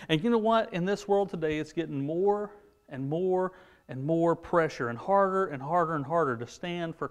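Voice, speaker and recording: A man in his forties telling a Bible story to children at a pulpit, animated, with frequent restarts. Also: on the high side. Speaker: junior church preacher. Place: indoor studio set at a pulpit.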